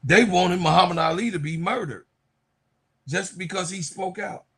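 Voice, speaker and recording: A man's voice: sits high, normal speed, fairly bright tone, husky. A man co-hosting a podcast, arguing heatedly about basketball with emphatic, repetitive, preachy points. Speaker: podcast co-host. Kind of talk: heated sports debate.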